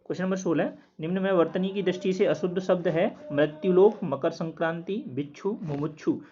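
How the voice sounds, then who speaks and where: A man working through quiz answers as a teacher, steadily repeating each word slowly to explain it. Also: high voice, warm tone, faint music behind. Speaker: Hindi test teacher. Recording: dull lo-fi recording.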